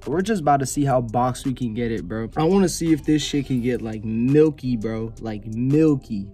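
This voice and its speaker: A young man talks like a stoner, loose and rambling, in a mid-pitched voice. He sounds high as he chats casually into a camera close by in a small, enclosed space. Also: fairly quick, dark tone, slightly rough, faint music behind. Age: young adult. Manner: stoner drawl, hazy and rambling. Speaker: vlogger. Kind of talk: casual slangy chat to camera. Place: small enclosed pillow fort indoors.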